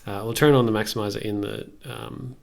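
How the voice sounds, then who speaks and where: Low-ish, gravelly and creaky, the voice belongs to a man in his thirties speaking a little fast in a steady tone. His commentary is relaxed and halting as he works on a music production livestream, thinking out loud. Keyboard and mouse clicks and faint noise are present.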